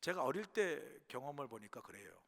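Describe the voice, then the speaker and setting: A middle-aged man preaching a sermon as pastor, telling stories, dropping to hushed asides and rising to loud bursts. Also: medium pitch, big pitch swings, brisk, creaky. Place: church sanctuary. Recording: long hall reverb.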